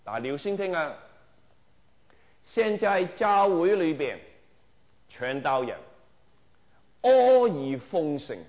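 A middle-aged man with a slightly high voice delivers an emphatic sermon. He presses his listeners with rhetorical questions, shifting from loud exhortation to quiet asides. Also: lively intonation, takes it slowly, pauses often. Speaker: preacher.

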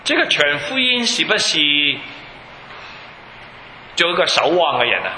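A man preaches to a congregation, his high, piercingly bright voice ringing through a long, echoey hall. He presses his points hard and keeps firing questions at the listeners. A faint hum sits under the recording. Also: wildly swooping pitch, unhurried. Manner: emphatic, keeps asking the audience questions. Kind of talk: sermon with Bible teaching.

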